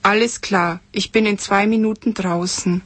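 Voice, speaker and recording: A woman's voice: mid-range voice, steady tone, moderate pace, fairly bright tone, slightly rough, dry recording. A woman reading as a flustered, hesitant wife. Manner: hesitant, stammering. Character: flustered married woman in her thirties. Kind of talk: reading dialogue aloud from a novel.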